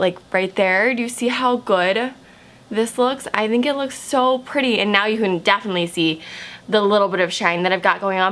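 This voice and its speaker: A woman's voice: medium pitch, fairly bright tone. A young woman chatting casually to camera in makeup check-ins, full of "like"s and easy fillers. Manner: chatty, filler-heavy with many "like"s. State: slightly hoarse, just woken from a nap. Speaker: makeup vlogger.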